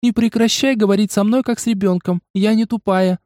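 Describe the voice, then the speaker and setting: A man's voice: high-pitched, steady tone, brisk, a little mellow, dry recording, clean studio sound, voice pushed up, lightly acted. A man voicing a young undead pet girl who is coy, childish and capricious. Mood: pert. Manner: childish, wheedling coquettish lilt.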